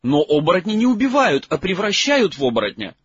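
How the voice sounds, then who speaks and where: A man voicing an earnest, quiet teenage boy in an audiobook. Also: high-pitched, wildly swooping pitch, fairly quick, slightly rough, dry recording, pitched above the performer's own voice, exaggerated voice. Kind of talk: audiobook character reading. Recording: slightly dull, dry recording.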